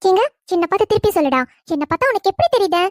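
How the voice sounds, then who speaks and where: A feisty, sporty college girl from a cartoon, voiced by a woman. Her voice sits very high and childlike, close to the mic with no room sound. She talks back boldly and bristles at teasing. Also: lively intonation, racing, no room sound. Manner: sassy and bold, turns tearful when hurt. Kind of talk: cartoon voice acting.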